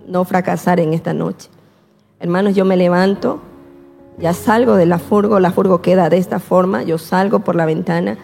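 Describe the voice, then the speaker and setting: A woman telling her personal testimony slowly and with emotion, often repeating herself and quoting her prayers. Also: medium pitch, gravelly, dark tone, in a large hall.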